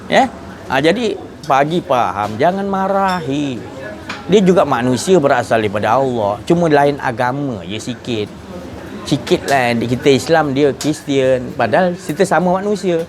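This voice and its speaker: A man giving an informal religious lecture, animated, moving between hushed and emphatic. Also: medium pitch, normal speed, crowd noise. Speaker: religious teacher. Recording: outdoor traffic noise behind.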